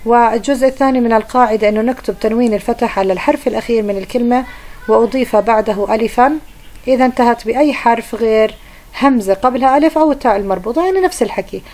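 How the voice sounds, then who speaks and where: A woman's voice: a little high, racing, a little mellow. A young woman teacher, patiently explaining a grammar lesson to pupils and often checking that they follow.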